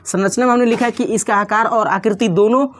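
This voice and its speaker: A woman's voice: a little high, fairly even intonation, brisk. Woman teaching a science class. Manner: conversational, poses and answers its own questions, checks in with "ठीक है" often. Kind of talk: explanatory online class lecture.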